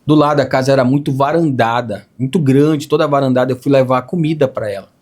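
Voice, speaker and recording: A man with a lasting hoarse, raspy voice, earnestly telling an emotional faith testimony and repeating phrases as he recalls it. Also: medium pitch, quick pace, darkish tone. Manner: earnest, storytelling with repetitions. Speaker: testimony speaker.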